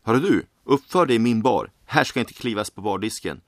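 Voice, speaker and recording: A man voicing a stern, gruff male bartender in a read-aloud story, speaking louder and more sharply than the narration. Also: fairly low pitch, no echo, clean studio sound, close to an everyday voice. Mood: scolding. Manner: gruff, scolding.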